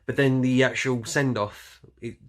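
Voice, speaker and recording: Speaking in a steady, medium-pitched voice at an unhurried pace, a man offers an off-the-cuff audio drama review for YouTube. His talk is casual and loosely rambling, often trailing off or self-correcting.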